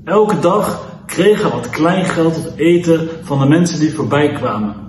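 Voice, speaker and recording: Children's church leader, man, high voice, lively storyteller, echoey room. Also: unhurried, slight background noise. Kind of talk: Bible story reading and kids' lesson.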